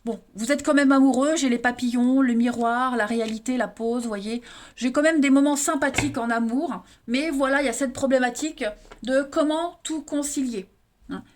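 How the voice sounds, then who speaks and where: A woman's voice: sits high, steady tone, moderate pace, slight background noise. A woman with an eastern French accent giving a monthly tarot card reading, talking straight to viewers and often tagging her sentences with "hein". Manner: addresses viewers directly, frequent tag "hein". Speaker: tarot reader.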